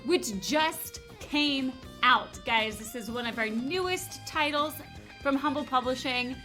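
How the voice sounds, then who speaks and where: A woman's voice: sits high, slow, bright, forceful tone, faint music behind. A woman hosting a casual game livestream, chatting and greeting viewers as she corrects herself. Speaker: livestream host.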